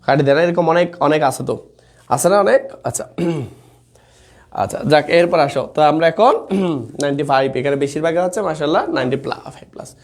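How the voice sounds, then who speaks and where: With lively intonation and a higher-pitched voice at normal speed, a young man teaches a live online exam-prep class. He keeps it informal and chatty, reading out student comments and frequently checking in with the class.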